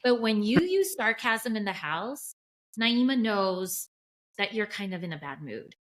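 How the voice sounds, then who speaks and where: A woman's voice: mid-range voice, sing-song, a little slow. A middle-aged woman co-hosting a podcast, telling a family story in an earnest way. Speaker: podcast co-host. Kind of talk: casual chat.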